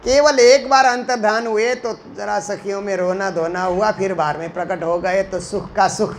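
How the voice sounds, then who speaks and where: A man with a high voice gives a spiritual discourse. He chants lines of verse slowly, then explains them in long, repetitive phrases. Faint noise sits under the recording. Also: fairly even intonation. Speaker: religious teacher. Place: Mumbai.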